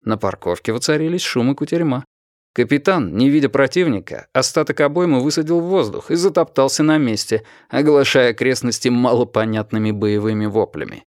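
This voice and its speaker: A man's voice: mid-range voice, fairly quick, a little mellow, dry recording. Man with a dry audiobook narration.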